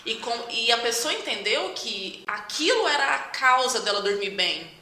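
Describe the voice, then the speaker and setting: A woman's voice: a little high, sing-song, normal speed, sharp tone. A woman, a guest, recounting her motherhood experiences in a casual conversation, emotional, with many restarts. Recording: echoey room, faint background noise.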